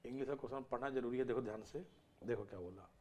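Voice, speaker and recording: A man's voice: medium pitch, rapid-fire, darkish tone. A man teaching maths in a live online class, repeating and stressing each step and urging students to listen, mixing English terms into his explanations.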